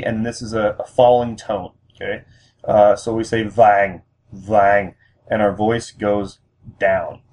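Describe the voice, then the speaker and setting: A man's voice: lowish voice, darkish tone. A man giving a recorded spoken language lesson, explaining step by step with many ums and restarts. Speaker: language teacher.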